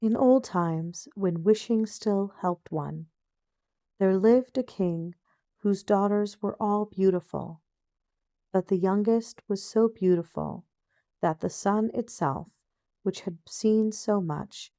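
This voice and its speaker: Gentle, unhurried woman reading a fairy tale. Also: medium pitch, no echo, clean studio sound. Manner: unhurried, measured phrasing. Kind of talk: gentle scripted fairy-tale narration, storybook opening manner.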